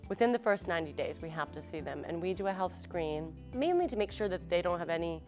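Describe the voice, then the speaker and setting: Woman, thirties, public health nurse, lowish voice, hedging, conversational, faint music. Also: animated, quick pace, a little mellow. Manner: thoughtful, conversational with hedges. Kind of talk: interview.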